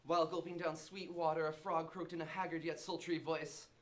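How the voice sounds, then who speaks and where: A young male host reads a ridiculous scripted tale with mock-dramatic flair. His voice sits a little high for a man. He co-hosts with a partner on a student show. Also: flat delivery, fairly quick. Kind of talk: reading a scripted comic tale.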